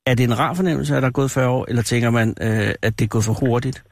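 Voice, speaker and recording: A man's voice: mid-range voice, fairly even intonation, vocal fry, no room sound, studio quality. A man in his fifties hosting a radio show, chatting and teasing a caller with curious questions. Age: 50s. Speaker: radio host. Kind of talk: casual phone interview.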